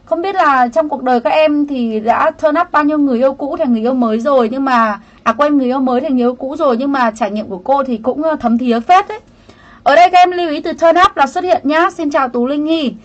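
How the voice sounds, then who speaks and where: Chatty high-voiced woman teaching English. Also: fast, lo-fi sound. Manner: chatty, greets viewers by name, explains each answer option. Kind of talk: livestreamed English grammar lesson.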